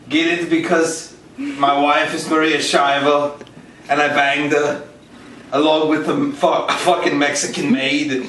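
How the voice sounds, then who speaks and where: A man's voice: a little high, fairly bright tone. A man playing a brash, crude, boastful pro wrestler in a comedic wrestling promo, mock-pompous, theatrical and foul-mouthed. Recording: echoey, distant mic with hiss.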